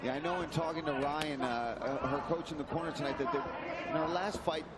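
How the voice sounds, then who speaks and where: Man, colour commentator, explanatory and conversational, higher pitch, very loud crowd. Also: brisk. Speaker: colour commentator analysing the fight. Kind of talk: live sports commentary.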